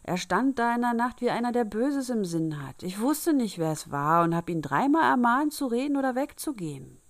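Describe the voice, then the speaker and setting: Woman reading as a naive young farm boy, earnest, eager, low gravelly voice, storybook. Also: expressive, moderate pace, no echo, studio quality. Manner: earnest, eager, raised and loud.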